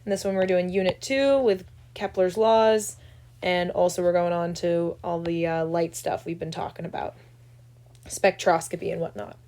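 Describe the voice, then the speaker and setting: A woman's voice: lowish voice, fairly even intonation, moderate pace, mellow. A young woman, teaching an astronomy lab tutorial in a loose, chatty way and often asking "right?". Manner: chatty, loose, full of "right?" check-ins. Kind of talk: casual screen-recorded tutorial.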